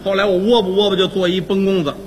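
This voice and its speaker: A man with a Beijing accent performing crosstalk comedy as the lead teller, animated, boastful and mock-tearful. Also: high-pitched, fast talker, long reverb tail, a little hiss or hum. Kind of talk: stand-up crosstalk storytelling.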